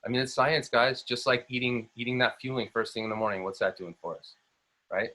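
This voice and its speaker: A man's voice: medium pitch, fairly even intonation, brisk, pushed and bright. A young adult man, a health coach, giving an upbeat motivational training talk on a video call, full of fillers and restarts.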